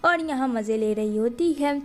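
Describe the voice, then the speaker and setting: A woman narrating a drama recap in a lively, conversational way. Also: on the high side, moderate pace.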